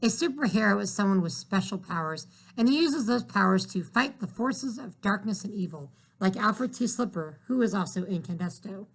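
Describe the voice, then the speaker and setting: Guy reading as an excited little girl, explaining stuff, eager and earnest. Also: high voice, normal speed, vocal fry, hardly any pauses, exaggerated voice, rough recording.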